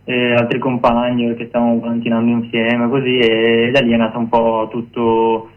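A man's voice: medium pitch, monotone, moderate pace. A man speaking on speakerphone over a phone line as a guest activist in a radio interview, telling his story plainly.

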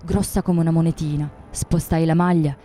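An actress playing a shaken lady-in-waiting giving measured, grave testimony in a historical radio drama. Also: sits low, steady tone, dark tone, close to an everyday voice.

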